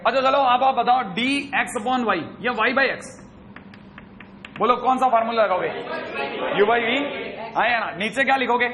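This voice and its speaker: A man teaching math in a classroom lecture, brisk and chatty, teasing his students as he works through problems. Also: very high-pitched, crowd noise.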